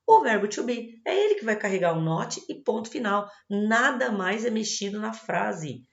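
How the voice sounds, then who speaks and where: A woman's voice: mid-range voice, big pitch swings, normal speed, vocal fry. A woman with a Brazilian Portuguese accent, an English teacher explaining grammar rules in a video lesson, patient and reassuring. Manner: patient, reassuring, checks in with "tá bom?". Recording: roomy, dull lo-fi recording.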